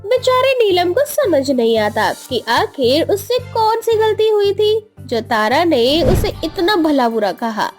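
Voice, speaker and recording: A woman narrating a cartoon story with an expressive, storybook delivery. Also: extremely high pitch, unhurried, few pauses, soft background music.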